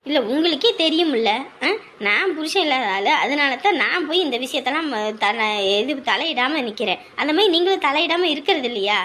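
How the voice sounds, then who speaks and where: A woman's voice: high-pitched, lively intonation, a little fast, bright, forceful tone, slight background noise. An actress playing a suspicious widowed mother who scolds her sister-in-law in a family drama. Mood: accusing. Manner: scolding, accusing.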